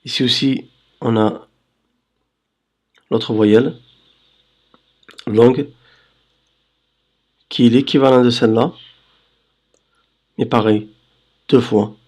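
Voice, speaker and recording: Male teacher, very unhurried, mid-pitched; patient voice-over lesson that keeps checking the listener follows. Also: steady tone, darkish tone. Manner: patient, checks understanding with "d'accord?"; drawls syllables slowly for demonstration. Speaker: Arabic reading teacher. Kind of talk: slow screen-recorded lesson.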